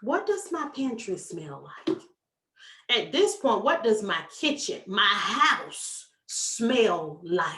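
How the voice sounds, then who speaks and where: A woman success coach giving a motivational talk, animated and folksy, addressing the audience directly. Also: mid-range voice, slow, far from the mic, a little hiss or hum. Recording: echoey room, voice from off mic.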